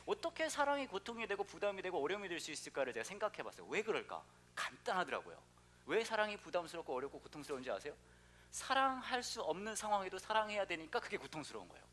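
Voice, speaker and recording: Lively, fast-talking young male pastor. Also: high voice, slight background noise. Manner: lively, joking storyteller acting out quoted voices. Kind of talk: sermon.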